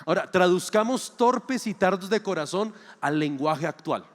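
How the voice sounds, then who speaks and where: A man's voice: high-pitched, animated, moderate pace, a bit bright. A man preaching a sermon, acting out little dialogues and firing rhetorical questions. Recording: long hall reverb.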